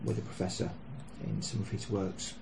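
A game master with a fairly low male voice narrates a tabletop game. The recording has clear background noise. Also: little pitch movement, normal speed. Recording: noisy room recording.

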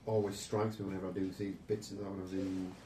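A man's voice: low-pitched, little pitch movement, fast talker. A man chatting casually as a player during a tabletop role-playing game. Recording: echoey room with clear noise.

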